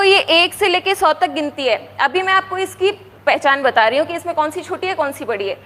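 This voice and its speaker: Lady teacher talking to little kids, keeps asking right?, counts slow, classroom echo. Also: very high voice, a bit bright. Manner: coaxing, asks "right?" often, counts aloud slowly. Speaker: primary school teacher. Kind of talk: explaining to young children. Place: classroom with a board.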